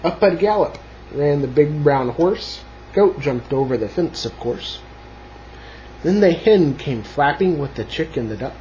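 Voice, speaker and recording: A man reading a children's picture book aloud in an expressive, sing-song storytelling voice at home. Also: on the high side, muffled recording, a little hiss or hum.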